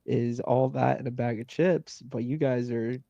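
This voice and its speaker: A man co-hosting a podcast in casual chat, giving quick affirmations and laughing easily as he reacts. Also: mid-range voice, fairly even intonation, vocal fry, dark tone, no echo, lo-fi sound. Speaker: podcast co-host.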